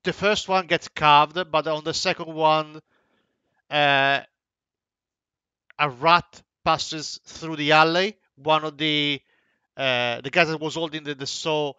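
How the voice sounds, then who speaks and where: A man's voice: fairly high pitch, takes it slowly, sharp tone, smooth, dry recording, dull audio. A man narrating as game master of a tabletop game, hesitant with many fillers and restarts.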